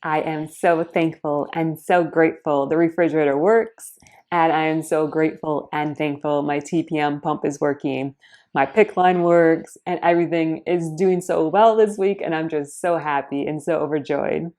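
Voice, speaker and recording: Female vlogger, slightly low voice, earnest casual narration that explains things step by step. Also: fairly even intonation, moderate pace, a little mellow.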